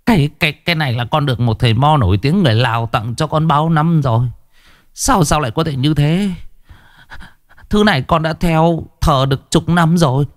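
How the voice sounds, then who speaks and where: A man's voice: lowish voice, sing-song, slow pace, mellow, dry recording, studio quality. A man voicing a terrified wealthy middle-aged man who stammers and pleads on the edge of tears in a spoken ghost story. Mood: panicked pleading.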